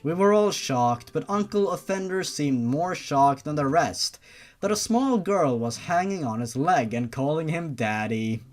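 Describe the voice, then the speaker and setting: A narrator with a medium-pitched, animated voice reads fan fiction aloud at a measured pace. The reading is dramatic and theatrical, with irreverent, mocking asides.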